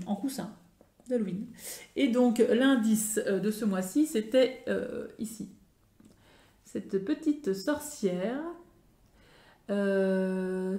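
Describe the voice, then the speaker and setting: French woman, casual vlogger, halting and filler-heavy, roomy echo. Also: medium pitch, dark tone. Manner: chatty, many fillers and restarts. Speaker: craft vlogger. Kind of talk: casual show-and-tell chat.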